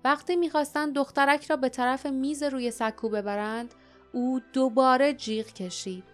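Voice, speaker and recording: A woman narrating a storybook with steady, expressive storytelling. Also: high voice, soft background music. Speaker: audiobook narrator. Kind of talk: scripted narration.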